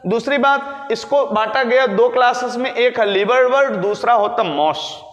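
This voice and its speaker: Guy teaching bio in a high voice, asks then answers himself, big echoey room. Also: a bit bright. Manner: explains slowly, asks and answers his own questions. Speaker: biology teacher. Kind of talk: classroom-style lecture. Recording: echoey room with long reverb.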